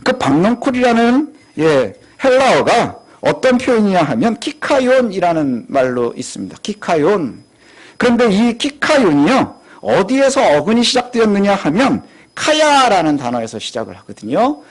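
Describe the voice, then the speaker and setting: A man preaches a sermon in a high, lively voice that swings widely in pitch. He talks in an easy, conversational way and keeps posing rhetorical questions to the congregation. Short affirming words punctuate his phrasing. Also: moderate pace. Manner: frequent affirming "ye" filler. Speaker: pastor.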